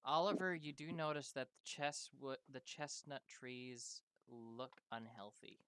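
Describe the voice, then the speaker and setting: A man's voice: medium pitch, fairly even intonation, measured pace, a bit bright, clean tone, dry recording. A man narrating a tabletop game as game master, casual, with frequent ums and restarts.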